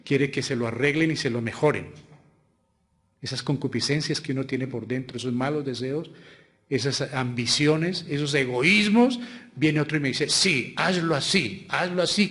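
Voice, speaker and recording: Preaching at normal speed with a medium pitch, a Colombian-accented pastor asks his congregation rhetorical questions. His delivery shifts between forceful, loud lines and quieter asides.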